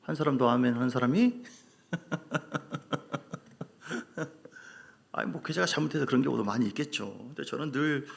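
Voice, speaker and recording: A man's voice: medium pitch, animated, a little slow, vocal fry, pauses often. A male pastor preaching a sermon in an emphatic way, repeating key words and asking rhetorical questions.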